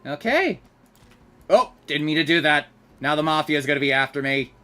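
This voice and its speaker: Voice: medium pitch, expressive, normal speed, a bit bright. A gamer giving casual commentary over gameplay and muttering while playing.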